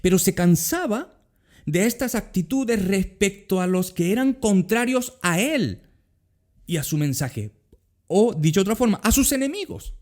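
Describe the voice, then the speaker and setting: Spanish man, pastor, sermon, high lively voice, mellow tone, acts out quotes. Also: a little slow. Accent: Spain Spanish. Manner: animated, acts out Jesus's words in quotes.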